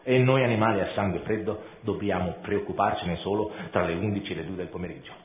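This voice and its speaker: A man's voice: low voice, quick pace, pitched below the performer's own voice, close to an everyday voice. A man voicing a cynical, worldly-wise old male chameleon father who lectures his son. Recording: tinny echoey room.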